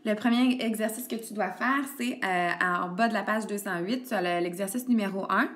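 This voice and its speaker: A woman's voice: medium pitch, moderate pace, a bit bright. Patient woman teacher. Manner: patient, addresses the child directly with frequent "ok" and "donc". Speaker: elementary school teacher. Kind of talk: recorded grammar lesson for a child. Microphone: tablet screencast recording.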